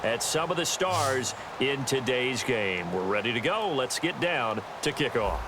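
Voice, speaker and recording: A man's voice: medium pitch, expressive, measured pace, background noise, natural voice. An American man playing a polished play-by-play announcer in a football video game, calling the action in short clipped phrases. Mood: announcer excitement. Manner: polished, broadcast-style delivery in short clipped calls.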